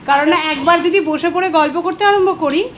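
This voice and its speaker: A woman's voice: very high-pitched, normal speed, crowd noise. A woman home vlogger chatting casually to viewers while she does housework. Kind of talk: casual vlog narration. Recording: noisy home recording.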